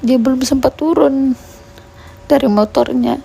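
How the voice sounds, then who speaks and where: A woman gives a personal account for a news report, her voice high and full of fry. She talks slowly in halting, fragmented phrases with a dark, mellow tone. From Medan, Indonesia. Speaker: mother filing a police report.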